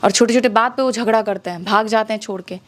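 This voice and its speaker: Speaking fast in a mid-range voice, a Bihari-accented woman testifies in a conversational interview. She is indignant and confrontational, leaning on rhetorical questions.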